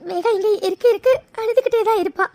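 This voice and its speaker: Brief: gentle comforting girlfriend in a cartoon, as a woman puts her on, very high and dry-sounding. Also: fast talker, no room sound. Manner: soothing, pleading. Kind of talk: cartoon voice acting.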